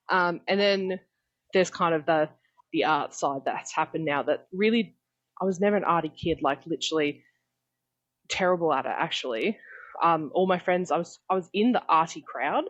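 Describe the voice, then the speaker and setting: An Australian woman in her young adult years talks in a chatty, easygoing way, peppering her speech with "um" and "like". Her voice sits a little low. The call audio sounds dull and lo-fi. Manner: chatty, laughing, frequent "um" and "like". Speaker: podcast guest. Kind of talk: casual chat. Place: home room. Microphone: video call.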